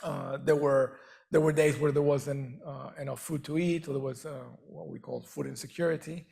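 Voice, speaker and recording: Guesting on stage, a middle-aged man from Venezuela whose first language is Spanish speaks earnestly at a moderate pace. His deeply gravelly voice has plenty of fry and is a little mellow, with fairly even intonation, and he often repeats words as he restarts a thought.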